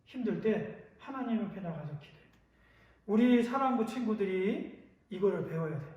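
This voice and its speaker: A male pastor giving a children's sermon, telling a story with lively questions to the listeners. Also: high voice, moderate pace. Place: church hall. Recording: echoey hall, from a distance.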